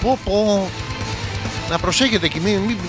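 Speaking over music in a radio studio, a high-pitched man in his forties runs a comedy show. He rambles crudely through listener messages, punctuated by abrupt outbursts.

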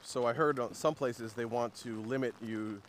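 A man's voice: medium pitch, moderate pace, slight background noise. A man hosting a casual podcast chat, sarcastic and joking, with many fillers. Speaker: podcast host.

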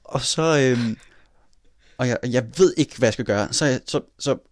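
Animated man telling a story, dry mic. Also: medium pitch, dry recording. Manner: animated, swears casually, many fillers. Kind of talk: casual chat, storytelling.

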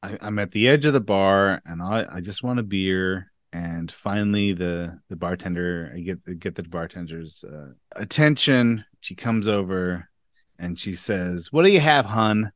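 A man co-hosting a podcast, telling stories in a lively, chatty way. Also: deep voice, unhurried, no echo, studio quality. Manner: lively storyteller. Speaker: podcast co-host. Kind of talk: casual chat.

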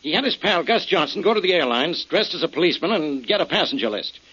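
A man's voice: on the high side, big pitch swings, fast, pushed and bright, breathy edge, full character voice. An actor playing a stern, dogged male police inspector with emphatic, scolding delivery in 1940s radio style. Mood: stern, triumphant. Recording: muffled, worn old radio broadcast.

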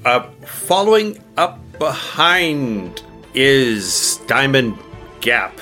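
A man narrating a tabletop game as game master, laughing easily between patient rule explanations. His voice is bright and forceful, and his pitch moves in a lively way. Faint music plays behind him. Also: very slow.

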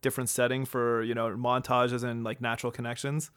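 A man joining a podcast as a guest, his voice at an ordinary middle pitch. He hedges and circles around his points, filling the gaps with fillers as he thinks aloud. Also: flat delivery, a little fast, a bit bright, clear, resonant tone. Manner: hesitant, many fillers. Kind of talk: casual chat about a movie.

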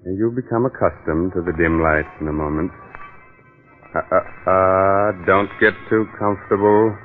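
Guy playing creepy polite horror host man, lowish voice, teasing, 1940s radio acting, muffled old recording. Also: steady tone, moderate pace, soft background music, natural voice. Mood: teasing, ominous. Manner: sinister mock politeness. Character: macabre, teasing horror show host welcoming guests.

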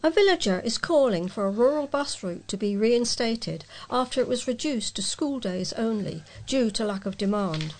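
A woman reading local news stories aloud in a plain, even delivery as a volunteer reader. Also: a little high, moderate pace, hardly any pauses.

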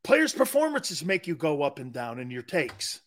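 A man's voice: fairly high pitch, huge pitch swings, moderate pace. A man from Connecticut hosting a sports talk show, talking bluntly and directly to his viewers in a casual way. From Connecticut, USA.

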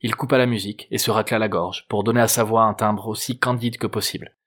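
A man narrating a novel chapter in a measured, even storytelling manner. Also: lowish voice. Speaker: audiobook narrator. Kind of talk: scripted narration.

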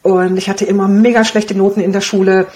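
Talking fairly quickly in a mid-range voice, a Romanian copywriter and guest blogger in her forties, a native Hungarian speaker, gives a casual interview. Her manner is lively and cheeky, with frequent laughter.

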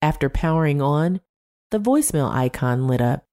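Brief: woman narrator, low voice, mellow, measured reading. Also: animated. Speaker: storyteller. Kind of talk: scripted story reading.

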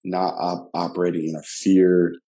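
A low-pitched man with a dark, mellow tone co-hosts a podcast. He talks casually and quickly. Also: little pitch movement, poor audio. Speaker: podcast co-host. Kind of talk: podcast conversation.

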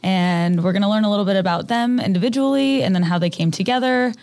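A woman's voice: mid-range voice, fast talker, a little mellow. A woman co-hosting a podcast, chatting in an enthusiastic, gushing way. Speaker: podcast co-host. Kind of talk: casual podcast chat.

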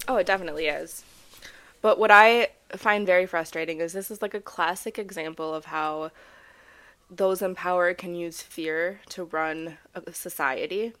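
A woman's voice: on the low side, moderate pace, a bit bright. Chatty, laughing woman podcast co-host. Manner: chatty, self-deprecating, laughs often. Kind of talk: casual chat.

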